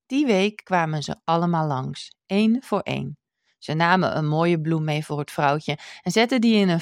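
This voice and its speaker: Woman reading a kids story out loud, expressive but steady, super dry close sound. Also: fairly low pitch, dry recording. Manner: expressive, measured.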